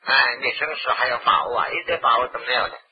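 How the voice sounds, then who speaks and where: A man giving an animated Buddhist dharma lecture to an audience, acting out scenes with loud exclamations, on a dull lo-fi recording. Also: mid-range voice, quick pace, a little hiss or hum. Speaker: Buddhist teacher.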